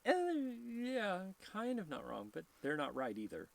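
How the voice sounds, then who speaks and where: A man's voice: medium pitch, very animated, a little fast, gravelly. A man hosting a casual live stream, rambling, laughing often and reading viewer questions aloud.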